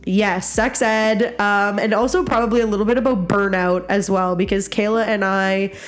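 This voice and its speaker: A woman's voice: steady tone, normal speed. Stuffy-nosed woman, casual podcast host. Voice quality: stuffy nose, congested; low, raspy. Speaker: podcast host, social worker. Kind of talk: casual chat.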